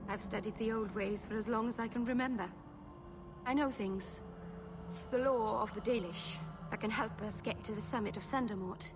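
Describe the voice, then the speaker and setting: A woman's voice: on the high side, normal speed, noisy background, lightly acted. An actress playing a shy, earnest young elf woman, a mage who speaks hesitantly and apologetically in video game dialogue. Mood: guarded, hesitant.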